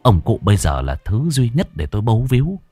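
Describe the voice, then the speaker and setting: A man reading a ghost story aloud in dramatic, expressive first-person narration. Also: fairly low pitch, fairly quick, breathy edge, dry recording, faint music behind.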